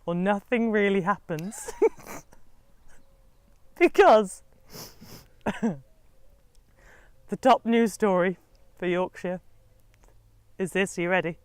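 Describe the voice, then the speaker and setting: Woman from Britain, co-host, giggly storytelling, lively swooping voice, dry close sound. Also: medium pitch, takes it slowly, pauses often, clean tone, no room sound. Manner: giggly, laughs while telling stories. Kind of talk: casual chat.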